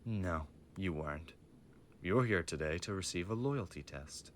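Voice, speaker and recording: A man with a low-pitched, expressive voice speaks unhurriedly, with a little hiss or hum on the recording. In an audio roleplay he plays a stern, menacing mafia boss father, formal and commanding, his mood cold and threatening.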